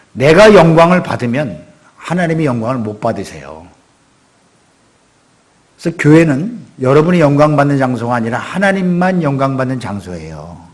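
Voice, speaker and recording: Lively, animated middle-aged male pastor. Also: medium pitch. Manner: lively, conversational preaching with acted-out quotes and sudden shouts. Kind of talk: sermon. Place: church sanctuary.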